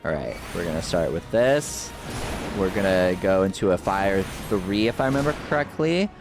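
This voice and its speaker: Low-voiced man streaming a game. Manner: playful, self-talking, sweary. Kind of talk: casual gameplay commentary, thinking aloud.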